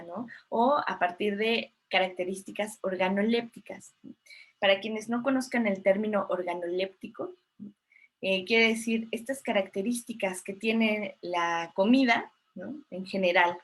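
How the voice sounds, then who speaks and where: A woman with a Mexican Spanish accent lectures in an online class. She walks through each point patiently, checking in with tag questions and pausing on fillers between phrases. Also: medium pitch, a bit bright. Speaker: teacher.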